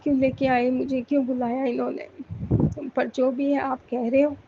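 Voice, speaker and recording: A woman's voice: high voice, level tone, moderate pace, highs cut off, a little hiss or hum. A woman pleading emotionally in a prayerful monologue to her spiritual guide, repeating thanks and pouring out her troubles. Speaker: devotee sharing a personal prayer. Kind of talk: devotional monologue.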